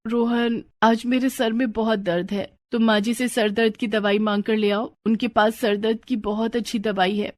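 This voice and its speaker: A high, inquisitive young daughter-in-law from a cartoon story, as a woman narrator puts her on. She sounds eager and probing, and the recording is close and dry. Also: level tone, moderate pace, few pauses, no room sound, lightly acted.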